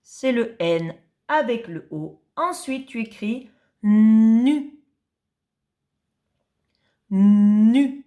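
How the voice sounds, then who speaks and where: Slow, patient woman teaching reading. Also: on the high side, animated, narrow, tinny audio. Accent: French. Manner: spells syllables slowly and distinctly; patient, repeats each sound. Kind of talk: slow reading lesson for young children.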